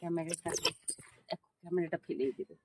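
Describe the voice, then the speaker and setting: A woman films a casual home vlog outdoors behind her house on a handheld phone. She chats to the animals and to her viewers, scolding them gently, and often keeps her voice low so the neighbours won't complain. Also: steady tone, fast, very noisy. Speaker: vlogger feeding monkeys.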